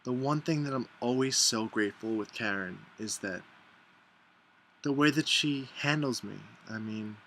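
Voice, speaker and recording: A man talking casually and warmly to camera about his best friend, filling his talk with "like" and playing out what friends say. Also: moderate pace, a little hiss or hum. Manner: chatty, lots of "like", mimics friends in higher voices. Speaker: vlogger. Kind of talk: casual heartfelt vlog.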